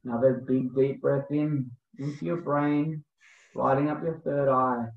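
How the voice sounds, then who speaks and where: A man's voice: mid-range voice, little pitch movement, creaky. Man guiding breathwork, echoey, phone-like sound. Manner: slow, spaced instructional phrasing when guiding. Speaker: breathwork coach, guest. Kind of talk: guided breathing meditation, then casual explanation. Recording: thin phone-like sound, roomy echo.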